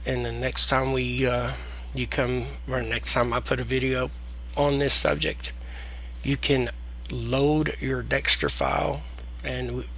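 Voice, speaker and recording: A man with a deep Southern American accent talks slowly through a casual software tutorial. His voice is bright and creaky, with slightly slurred S sounds. He speaks haltingly and rambles, over faint noise. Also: flat delivery. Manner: halting, rambling delivery with trailing sentences. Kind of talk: casual unscripted screen tutorial.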